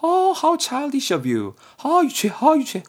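A man putting on a woman's voice in a sample dialogue, in a high teasing falsetto. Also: wildly swooping pitch, takes it slowly, heavily acted.

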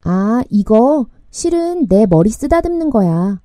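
Soft earnest teen girl in a storybook, woman reading her, dry close sound. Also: fairly high pitch, big pitch swings, slow, no room sound. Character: teenage girl, hopeful, shy about praise.

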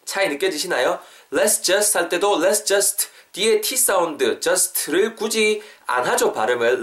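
Man, English teacher, podcast lesson, lively, fairly high pitch. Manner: lively, switches between Korean and slow drilled English; laughs at his own slips.

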